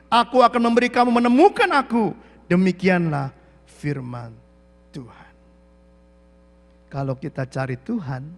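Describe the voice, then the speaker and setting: A man preaching a sermon as pastor, animated, acting out the quotes, sometimes shouting, and mixing English phrases into his talk. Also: high voice. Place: church hall. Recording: echoey church hall.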